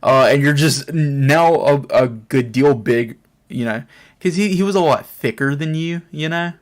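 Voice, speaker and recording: A man's voice: fairly high pitch, unhurried. A man narrating as game master in a tabletop role-playing game, hesitant, with many fillers and frequent laughs.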